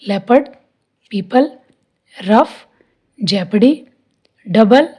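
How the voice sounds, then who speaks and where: Slow, high-voiced woman teaching. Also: mellow, breathy edge. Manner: explains rules then reads example word lists, stressing each word. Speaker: English pronunciation teacher. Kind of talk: lesson.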